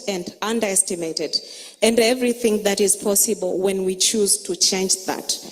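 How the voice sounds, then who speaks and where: Woman from Tanzania, conference emcee, measured emphatic delivery, mid pitch, long hall reverb. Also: darkish tone. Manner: measured, emphatic listing cadence. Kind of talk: opening conference address.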